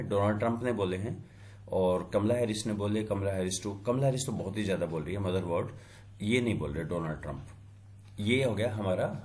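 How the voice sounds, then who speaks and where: Middle-aged guy, lowish voice, walks through code step by step while thinking out loud. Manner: talks through code step by step, mixing in English terms; thinks aloud while working, with small fillers. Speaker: instructor. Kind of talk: screen-recorded coding tutorial.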